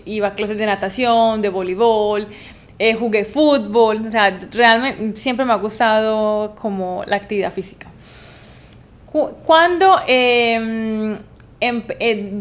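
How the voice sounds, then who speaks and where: Higher-voiced young Colombian woman. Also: a little slow. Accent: Colombian, from Medellín. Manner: thoughtful, many hesitations and fillers. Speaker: guest, dancer. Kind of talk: conversational interview answers.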